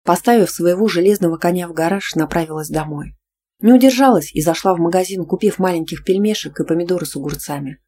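A woman narrating a romance novel in the first person, in a lively, conversational storytelling manner. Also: lowish voice, fast. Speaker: audiobook narrator.

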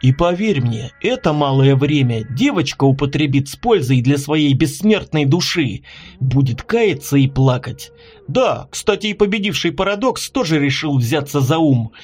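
A man voicing a wry, calm winged male angel with a smirking manner. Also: a little high, moderate pace, breathy edge, soft background music.

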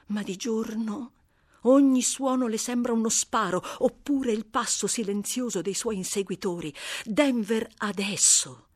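A woman reading a novel aloud as an audiobook narrator, measured and expressive. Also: on the high side, no echo, clean studio sound. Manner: measured, expressive, dramatic slowing. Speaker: audiobook reader. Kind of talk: scripted literary narration.

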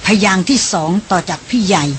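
A woman reading the part of an uneasy young man, the middle brother, who speaks in a hesitant, halting way. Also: mid-range voice, lively intonation, slight background noise, lightly acted, poor audio.

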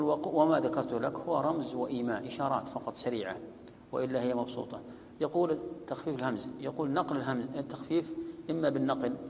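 A man with a gravelly, rough-edged voice teaches recitation rules in a long-reverb mosque hall. He reads from a text, then explains, drawing out each example word slowly and on repeat. A faint low rumble runs behind him.

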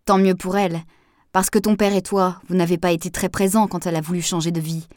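A blunt, defensive man answers in short, guarded lines, read by a woman narrator. The voice is low and dry, with no room sound around it. It is a storybook reading of a man's part. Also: level tone, quick pace, a little mellow, dry recording, lightly acted. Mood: indignant.

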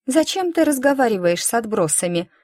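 Woman reader doing a stuck-up young girl for a storybook, high and sharp. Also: very animated, a little slow, dry recording, studio quality. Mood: disdainful. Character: haughty, snobbish young girl.

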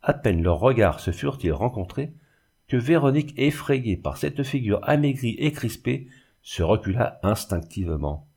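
A man narrating a classic novel in a measured, even reading. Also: medium pitch, vocal fry, husky. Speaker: audiobook narrator. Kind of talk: scripted literary narration.

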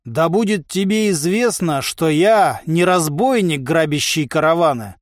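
A man's voice: fairly high pitch, lively intonation, unhurried, no echo, clean studio sound. A man voicing a proud, pompous giant of a warrior who speaks grandly. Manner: grandiose, self-important.

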